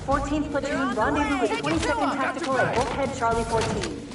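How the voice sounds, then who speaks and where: A woman playing a ship's announcer, giving clipped, formal military orders over a public-address loudspeaker. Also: sits high, a little fast, heavy background noise. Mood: urgent, formal. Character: ship's female announcer calling marines to battle stations. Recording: echoey distant PA under loud music.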